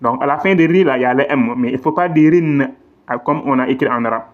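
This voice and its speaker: A man with a mid-range voice speaks fast while teaching a classroom-style lesson on tajwid, the rules of Quran recitation. He patiently repeats examples and draws out the Arabic words, and the recording sounds slightly dull and lo-fi.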